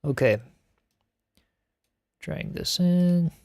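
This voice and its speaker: A man's voice: fairly high pitch, drawn-out words, vocal fry, a little mellow, dry recording. A man streaming a game live, chatting in an upbeat way with plenty of laughs and filler words. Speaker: game streamer reacting to builds. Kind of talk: casual live-stream commentary.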